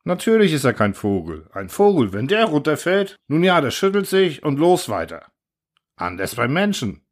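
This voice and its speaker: This is a bumbling, eager guard, put on by a male reader, stumbling through a speech and padding it with halting fillers. The voice sits above the reader's own and rises and falls in lively swings. It belongs to a storybook reading. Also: a little high, voice pushed up. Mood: earnest rambling. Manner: halting, rambling, full of fillers.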